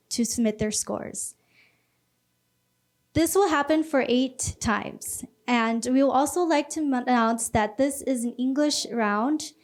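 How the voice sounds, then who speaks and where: A woman acting as pageant MC, reading scripted announcements and contestant introductions. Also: sits high.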